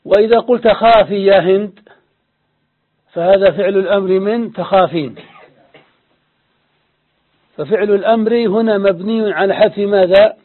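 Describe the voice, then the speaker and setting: Guy teaching grammar, kinda high voice, explains slow and repeats stuff, tinny phone-ish audio. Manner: patient, explanatory, repeats key rules and asks the class questions. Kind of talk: classroom grammar lesson.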